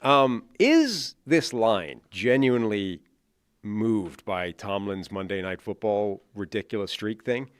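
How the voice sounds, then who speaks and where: A man's voice: lowish voice, animated, takes it slowly, clean tone, dry recording, studio quality. A man co-hosting a casual football podcast, wry and joking, spinning out a running bit. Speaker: podcast co-host, football analyst. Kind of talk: casual sports podcast chat.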